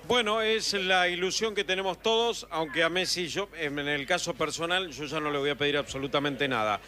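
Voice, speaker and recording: A man's voice: a little high, brisk, pushed and bright. A man hosting a live radio broadcast, talking conversationally to a reporter in the field. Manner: conversational, addresses reporter by name. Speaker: studio radio host.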